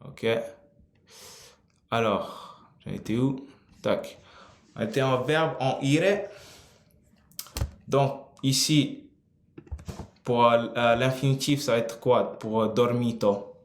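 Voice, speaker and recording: Male teacher, mid-pitched, unhurried live-lesson delivery, roomy echo. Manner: slow, drawn-out explaining with frequent pauses. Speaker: Italian teacher. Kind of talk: live online grammar lesson. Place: room, typing on a keyboard.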